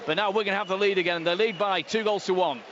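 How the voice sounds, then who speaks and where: A man reporting live from a football ground, half-shouting his report. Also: high voice, steady tone, fast, crowd noise. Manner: loud, half-shouted delivery. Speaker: match reporter. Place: football stadium. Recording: dull noisy stadium feed. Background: stadium noise.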